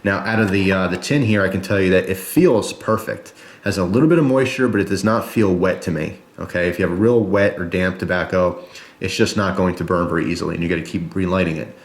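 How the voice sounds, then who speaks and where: A man's voice: low voice, fast, echoey room. A man chatting casually and informally to viewers, explaining step by step as he demonstrates a product in a review video.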